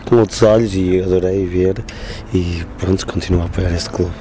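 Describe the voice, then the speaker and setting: A man with a northern Portuguese accent, a supporters' group leader, talks casually in an interview in halting, loose phrases. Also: low voice, fairly even intonation, warm tone, faint music behind. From Guimarães, northern Portugal.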